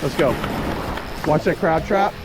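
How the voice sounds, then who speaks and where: A man with a hyped frat-bro way of talking, slangy and casual, coaching excitedly outdoors on a beach with music behind. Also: a little high, measured pace. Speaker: fishing vlog host.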